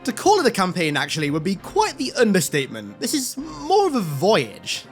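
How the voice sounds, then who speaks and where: An enthusiastic gaming host reads scripted commentary. The delivery is animated and emphatic, fond of hyperbole, with faint music underneath. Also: mid-range voice, normal speed. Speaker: video host and game reviewer.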